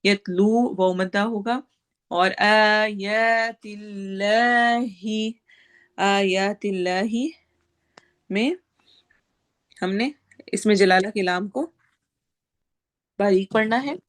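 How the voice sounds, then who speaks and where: A woman teaching Quran recitation rules, reciting each phrase slowly and drawn out, then explaining the rule quickly in plain classroom speech. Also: medium pitch. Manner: gives students homework and practice.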